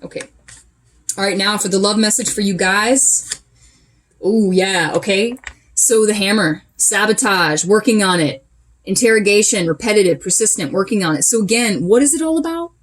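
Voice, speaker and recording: A woman's voice: medium pitch, normal speed, slight background noise. A woman giving a casual channeled tarot reading, chatty and emphatic, coaching her listeners directly. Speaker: tarot reader.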